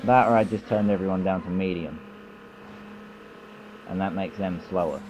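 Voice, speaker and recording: Low-voiced man rambling over gameplay. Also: normal speed, highs cut off, background noise. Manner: rambling, self-mocking and dry. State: feeling overheated. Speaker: let's play host. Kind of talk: casual gameplay commentary.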